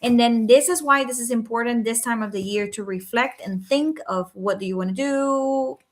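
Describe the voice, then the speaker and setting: Her pitch is fairly high and her speed normal. She's a life coach from Puerto Rico, Spanish-speaking from birth with a Puerto Rican Spanish accent, hosting a casual stream at home at night where she chats earnestly and keeps saying "right?" and "um."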